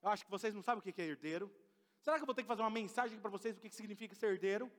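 A man's voice: sits high, rapid-fire, big-room sound. A man preaching a sermon as pastor, emphatic and questioning the congregation. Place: church.

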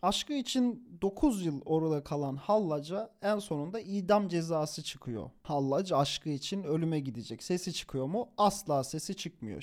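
Young male storyteller, high voice for a man, animated and casual, slangy, restarts phrases. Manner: animated, chuckles while telling; informal slang, self-corrections.

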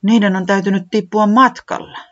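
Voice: mid-range voice, fairly even intonation, fairly bright tone, voice pushed up, natural voice. A reader voicing a small furry storybook creature with paws and floppy ears, who exclaims eagerly and is easily dismayed. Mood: alarmed. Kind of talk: storybook reading. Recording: dull lo-fi sound.

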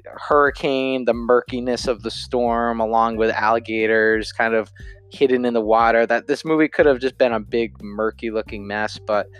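Man, casual movie review, smooth clear voice, rambling, lots of uhs and restarts, faint music underneath. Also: mid-range voice, fairly even intonation, moderate pace. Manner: rambling with many fillers and self-corrections. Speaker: film reviewer. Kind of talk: casual spoken film review.

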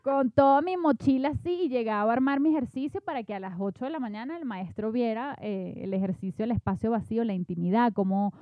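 Una mujer venezolana con acento venezolano, actriz, que conversa en tono explicativo y serio. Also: female voice, a little high, fast talker, hardly any pauses, no echo. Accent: Venezuelan Spanish. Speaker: actress, guest. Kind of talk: casual chat. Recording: muffled lo-fi, dry sound.

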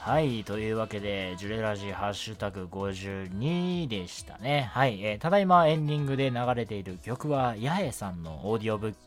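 A young man hosts a casual solo radio show over background music, chatting politely and often dropping in short affirmations. His voice sits lowish and he talks quickly with few pauses. He is a radio host and amateur voice actor.

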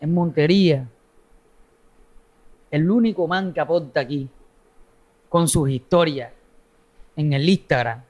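High-pitched, blunt coastal Colombian man. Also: measured pace, long pauses, a little mellow, poor audio. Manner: blunt, slangy, foul-mouthed. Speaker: social media content creator being interviewed. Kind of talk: casual interview chat.

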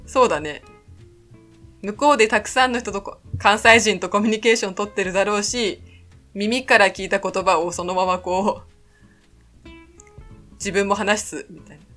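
A woman's voice: medium pitch, moderate pace, long pauses, a bit bright, faint music behind. A woman from Sapporo chatting casually as a podcast co-host, attentive and agreeable in how she responds. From Sapporo, Japan. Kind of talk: casual chat.

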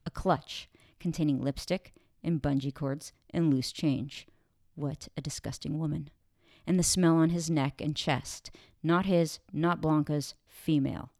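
A woman reading literary fiction aloud in a measured, deliberate way, drawing out pauses between phrases. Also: low voice, fairly even intonation, a little mellow, no room sound, clean studio sound. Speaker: narrator. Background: background music.

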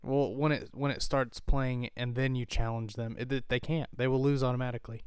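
Casting: enthusiastic male podcast co-host, smooth clear voice. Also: mid-range voice, level tone, normal speed, a little mellow, no echo, clean studio sound. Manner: enthusiastic, emphatic. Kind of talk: casual chat.

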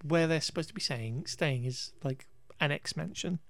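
His slightly high, gravelly and a bit bright voice comes through at normal speed with no echo as he casually recaps a film on his podcast. He's rambling, wry and exasperated, restarts often, and lets the occasional swear word slip.

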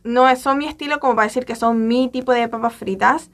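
A woman's voice: on the high side, fairly even intonation, quick pace. A woman hosting a podcast, chatting casually and frankly with a friend, with a wry edge. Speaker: podcast host. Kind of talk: casual chat.

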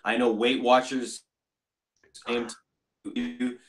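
A man's voice: mid-range voice, flat delivery, extremely slow. A man co-hosting a casual chat over an online call, with upbeat, rambling speech heard through a bad, choppy connection that keeps dropping out. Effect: bad connection, choppy audio dropping out. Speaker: podcast co-host. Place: home in western Canada, remote call. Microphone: video or voice call.

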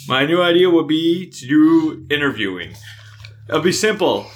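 A man's voice: fairly high pitch, animated, normal speed, slight background noise. A man co-hosting a casual podcast, asking questions in a plain, easygoing way.

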